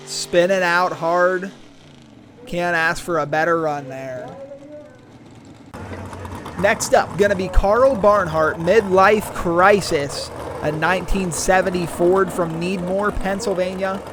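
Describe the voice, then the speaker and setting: A man's voice: sits high, steady tone, slow pace. A man commentating as a tractor pull announcer, introducing drivers and calling out runs and distances. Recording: loud engine and vehicle noise. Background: vehicle and engine noise.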